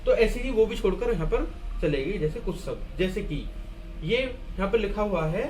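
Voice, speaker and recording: A man's voice: high voice, lively intonation, normal speed, a little mellow, slight background noise. A man teaching a Hindi grammar lesson at a board. He asks and answers his own questions and repeats key words. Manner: writes and erases on a board while explaining.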